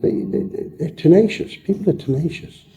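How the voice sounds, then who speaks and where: Here the older man from Zimbabwe who runs a shop sounds high, fairly quick, creaky and dark, on a muffled recording. During a casual interview he ponders life philosophically, raises rhetorical questions, and stammers, going back over his words as he thinks.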